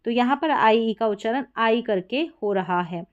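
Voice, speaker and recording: A woman teaching English pronunciation in a lesson, explaining spelling rules and reading example words aloud slowly. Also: fairly high pitch, clean tone. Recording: dull, lo-fi sound.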